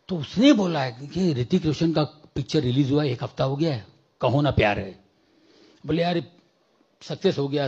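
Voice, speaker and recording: A man preaching his testimony in church has a fairly high voice with a breathy edge, captured in dull audio. As he tells the story he performs the dialogue, drops in English phrases, and breaks out into shouted prayer.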